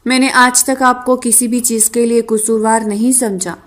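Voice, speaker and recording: A woman's voice: on the high side, flat delivery, natural voice. A woman reading the lines of a wronged young wife who turns on her deceiving husband, in an audiobook novel reading. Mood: puzzled. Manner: accusing, bitter.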